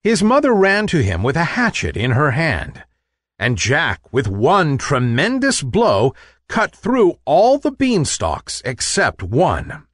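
A man reads a storybook tale at a slow, careful pace for learners. His pitch rises and falls widely as he tells it. The close mic sounds dry, with no room behind him. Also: wildly swooping pitch, dry recording.

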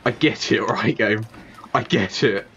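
A man's voice: fairly low pitch, measured pace, a bit bright, lo-fi sound, a little hiss or hum. A man giving profane commentary while playing a horror game, laughing often and talking back to the game. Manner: swears a lot, laughs often, talks to the game. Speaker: let's play gamer.

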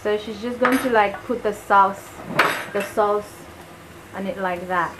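A young woman hosts a casual home cooking vlog from a small indoor kitchen, chatting enthusiastically to camera as she explains each step. Her voice is medium-pitched and a little slow. The camera microphone clearly picks up the kitchen noise and cooking ambience.

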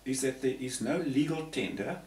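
In a patterned-tapestry room, a Zambian panel guest in his sixties talks at normal speed with a mid-range, slightly mellow voice. He explains things conversationally and ramblingly, frequently repeating words. The recording feels distant and roomy, with a faint hiss underneath.

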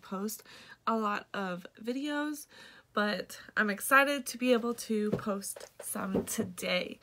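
A woman's voice: on the high side, fairly bright tone, a little hiss or hum. A young woman with a congested voice, chatting casually through a makeup vlog with lots of ums and likes. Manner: rambling, many ums and likes. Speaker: beauty vlogger and product seller.

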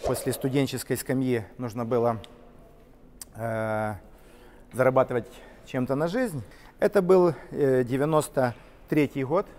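Middle-aged man, business co-founder, animated, steady mid pitch, long hall reverb around him. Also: a little slow, pauses often, a little hiss or hum. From Ukraine. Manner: animated, gesturing while walking and talking. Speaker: company co-founder. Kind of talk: interview, business story. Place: large factory halls and offices, indoors. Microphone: camera-mounted shotgun mic.

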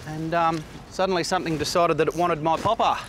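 A man's voice: on the high side, fairly even intonation, quick pace, a bit bright, slight background noise. A man with an Australian accent, a fishing guide on a boat outdoors, explaining fish in a knowledgeable, matter-of-fact way. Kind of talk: casual outdoor fishing chat.

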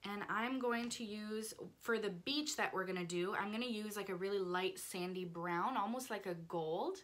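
A woman's voice: medium pitch, normal speed, a bit bright. A woman in her thirties from Canada leads a step-by-step painting tutorial. She explains each brushstroke in a friendly, instructive way, filmed in her indoor craft studio with a camera set in front of her.

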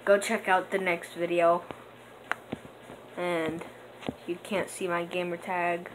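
A young female gaming channel host with a lowish voice gives casual gameplay commentary slowly. She rambles and hesitates, full of filler words, then breaks into excited gasps while playing. Noticeable background noise runs through the audio.

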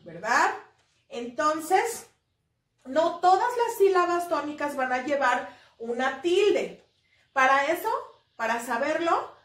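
High-voiced Mexican teacher, slow and echoey. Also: female voice. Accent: Mexican Spanish. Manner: stretches words slowly to mark the stressed syllable. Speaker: primary school teacher. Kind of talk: online class lesson. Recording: echoey room, voice a little far from the mic.

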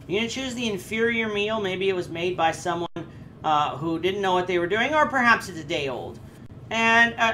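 A man in his thirties teaching a Bible class, earnest and explanatory, with frequent hesitations. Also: a little hiss or hum. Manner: earnest, with lively rises in pitch and frequent hesitations. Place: indoors before a red curtain. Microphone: camera framed chest-up.

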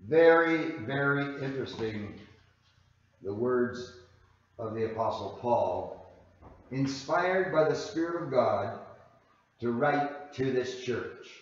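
A man preaching a sermon as a guest minister, slow and deliberate, leaning hard on key phrases. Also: mid-range voice, lively intonation. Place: church sanctuary. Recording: very echoey hall, voice from far off, dull sound.

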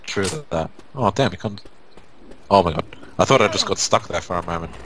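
A man's voice: sits low, fairly quick, crowd noise. A man playing a game and chatting casually, joking, laughing and teasing his co-player. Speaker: let's play gamer. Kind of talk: casual gaming banter.

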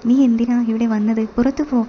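Woman doing a haughty wealthy lady, curt, flat delivery, faint hiss. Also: fairly high pitch, brisk, highs cut off, close to an everyday voice.

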